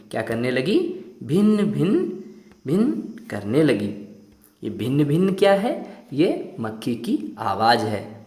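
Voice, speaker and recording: A male teacher reads a story aloud to young pupils at a slow, careful pace. His pitch rises and falls with lively expression. He asks and answers his own questions, and his voice echoes around the room. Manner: repeats questions and explains words. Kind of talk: children's lesson reading a story aloud. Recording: roomy echo.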